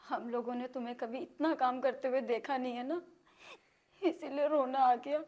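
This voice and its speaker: Give me a woman playing a loving young village wife with a soft, slightly high voice. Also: fairly even intonation, a little fast, close to an everyday voice. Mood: tearful. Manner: soft, affectionate. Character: devoted young village wife, tender-hearted.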